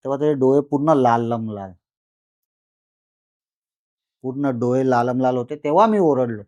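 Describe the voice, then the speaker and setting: A man recounting a first-person horror experience in a podcast conversation, animated and repetitive with dramatic pauses. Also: mid-range voice, no room sound. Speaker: guest storyteller.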